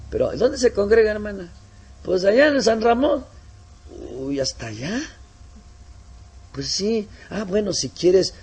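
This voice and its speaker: A man preaching a sermon as pastor. He acts out conversations and swings between loud emphasis and soft asides. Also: slightly rough. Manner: preaching with sharp swings in pitch and loudness; acts out both sides of dialogues, softening for asides.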